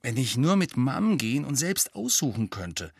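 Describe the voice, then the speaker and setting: A man's voice: medium pitch, very animated, creaky, husky, no room sound, clean studio sound, voice pushed up, exaggerated voice. A man voicing an eager, hopeful teenage boy in a storybook reading. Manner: eager, hurried.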